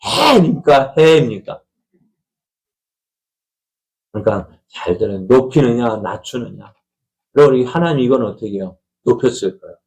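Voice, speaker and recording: A man's voice: on the low side, a little fast, dark tone, low-quality recording. A middle-aged man, a pastor, preaching a conversational Sunday sermon in a church, asking the congregation questions and acting out family quarrels. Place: church sanctuary.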